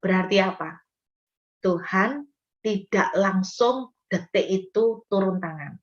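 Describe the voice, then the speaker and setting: A woman preacher delivers a sermon, speaking straight to the congregation in an earnest voice. She leans hard on key words, then drops to softer asides. The recording sounds a little dull and lo-fi. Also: medium pitch, slow pace.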